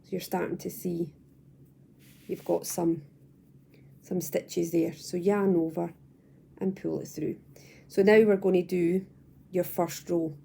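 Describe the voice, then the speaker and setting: Young woman, low mellow voice with gravel, patient step-by-step crochet tutor, talks at home. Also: takes it slowly, pauses often, slight background noise. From United Kingdom. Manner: calm, patient, repeats and restarts phrases. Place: at home, indoors.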